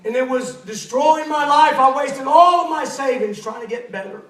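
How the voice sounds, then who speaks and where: A man's voice: extremely high pitch, moderate pace, fairly bright tone. A male preacher voicing a woman healed after long illness, telling her story earnestly. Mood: relieved. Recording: echoey church, mic at a distance.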